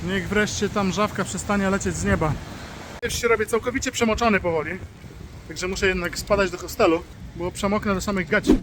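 A man with a cold and sore throat, chatting casually in a travel vlog as he walks the city streets. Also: on the high side. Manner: chatty, self-deprecating, walking while talking. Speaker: travel vlogger. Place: city streets outdoors, and indoors at a hostel. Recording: noisy street with traffic.

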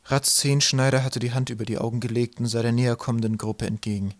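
A man narrates an audiobook in a measured storytelling manner. His pitch sits in the middle range. The recording is dry and close. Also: little pitch movement, no echo. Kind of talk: scripted narration.

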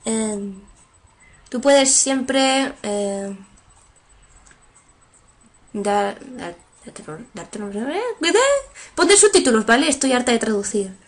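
Extremely slow and full of long pauses, this animated, high-leaning female voice belongs to a chatty young streamer. She plays, reads the dialogue aloud, and translates it on the fly with many fillers into her headset.

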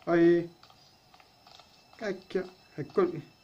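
A man's voice: high-pitched, fairly even intonation, drawn-out words, dull audio, slight background noise. Jokey man narrating a horror game. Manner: jokey, chats with the game characters, startled exclamations. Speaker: gaming YouTuber. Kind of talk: let's-play horror game commentary.

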